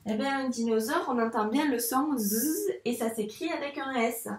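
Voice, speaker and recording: Woman, primary teacher, patient, over-articulated, higher voice, slightly distant mic. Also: reverberant. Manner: patient, slow, over-articulated sounds for children. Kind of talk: reading lesson for young children.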